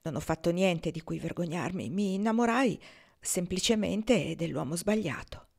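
A woman reading the part of a proud, guarded young woman, blunt and defiant, turning tearful and hushed. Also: lowish voice, lively intonation, moderate pace, creaky, husky, exaggerated voice.

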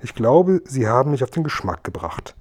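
A man voicing a chatty, indignant old grandmother, with a high, fluttering, raised voice. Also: sing-song, normal speed, darkish tone, breathy edge.

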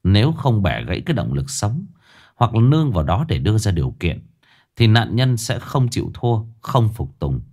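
A man narrating a dark thriller story in a measured, suspenseful way. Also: lowish voice, very animated.

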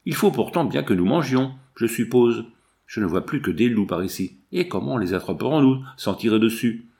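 Give me a man playing a blunt, grumbling hunter with a lively voice. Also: medium pitch, normal speed, creaky. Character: grumbling rough male frontier hunter.

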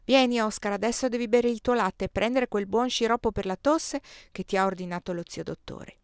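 A woman narrator voicing a stern, brisk housekeeper who scolds, in a novel read aloud. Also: a little high, clear, resonant tone, no echo, studio quality, close to an everyday voice. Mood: scolding. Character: stern adult female housekeeper.

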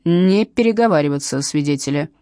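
A woman's voice: mid-range voice, very animated, brisk, mellow, dry recording, studio quality, voice pushed up. A woman voicing a stern, sarcastic female police captain who barks her questions. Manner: curt, barking, mocking.

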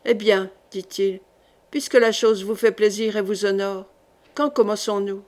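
A woman's voice: mid-range voice, fairly even intonation, a little slow, a little mellow, natural voice. A woman reading the part of a young male knight in an audiobook, earnest and tense.

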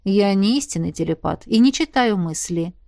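A woman's voice: mid-range voice, lively intonation, moderate pace, gravelly, a little mellow, no echo, clean studio sound. A woman reading the part of a teasing, commanding male dragon officer with a smug, purring manner. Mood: amused.

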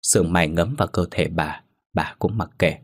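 A man narrating a ghost story in a steady, solemn manner. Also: low-pitched, normal speed.

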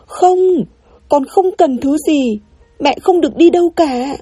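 A woman's voice: high-pitched, unhurried, mellow, dry recording, soft background music, voice pushed up. A woman voicing a small boy who cries and begs for his mother in a storybook tale. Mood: pleading. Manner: wailing, pleading.

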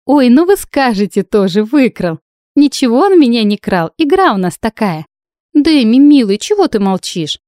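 A woman plays a brash young heroine who puts on a show. She talks loud and high with a mellow tone and a mock-innocent edge. The audiobook sound is dry and close. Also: very animated, moderate pace, no room sound. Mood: theatrically sweet.

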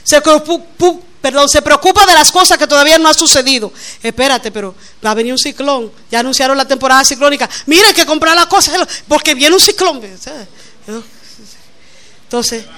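A middle-aged woman preaches a conversational sermon in a high voice. Her tone is bright and clear. She is animated and often laughs as she tells her stories. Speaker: preacher, pastor's wife.

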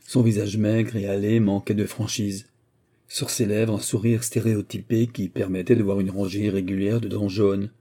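Dark, husky male narrator. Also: lowish voice. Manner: steady, measured reading. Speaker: audiobook narrator. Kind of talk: scripted first-person audiobook narration.

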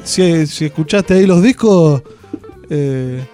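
A man's voice: fairly high pitch, slow pace, music in the background. A man with an Argentine Spanish accent hosting a casual, joking radio chat in a studio. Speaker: radio host.

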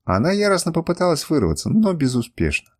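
Expressive male audiobook narrator. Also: a little high, fast. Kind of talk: first-person audiobook narration.

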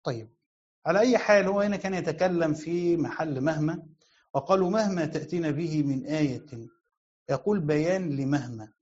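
A man's voice: on the high side, a little fast, darkish tone, dull audio. A man with an Egyptian Arabic accent giving a lecture on Quran commentary. He asks questions and then answers them himself, and he repeats the key phrases. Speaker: sheikh teaching Quran commentary. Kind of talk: explanatory lecture.

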